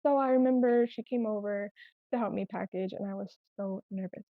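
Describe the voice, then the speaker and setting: Speaking a little fast at a medium pitch, this woman, a native Spanish speaker who runs a small business, chats openly about her life as a podcast guest. The audio is roomy and echoey and somewhat dull.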